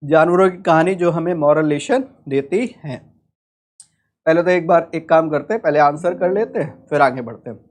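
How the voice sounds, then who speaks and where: A man's voice: on the high side, normal speed. A man with an Indian accent teaching English vocabulary in an online exam-prep lecture, explaining step by step and asking the class rhetorical questions.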